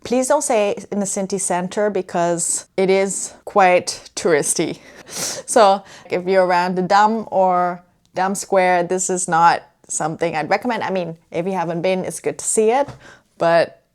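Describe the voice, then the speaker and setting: Indoors by a window, a young Dutch woman chats to camera for her travel vlog. Her lowish voice is a little slow, and she's easygoing and casual, laughing often.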